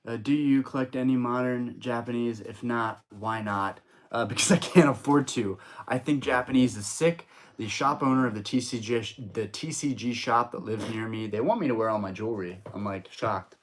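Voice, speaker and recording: A young American man hosts a casual live stream from a room in his home for his card-collecting channel. He chats and rambles with many fillers and restarts, speaking at a normal pace in a mid-range voice.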